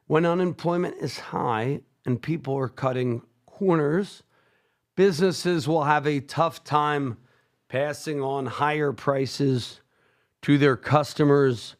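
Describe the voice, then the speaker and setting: A man hosting a radio call-in show, explaining topics steadily and repeating the call-in phone numbers. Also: mid-range voice.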